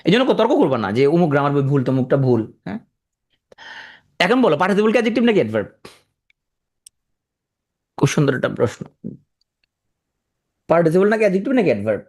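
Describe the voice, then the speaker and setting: Lively Bangladeshi man teaching grammar. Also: a little high, fairly quick, long pauses. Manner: lively, asks students frequent rhetorical questions. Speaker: exam-prep English grammar teacher. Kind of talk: online lecture to students.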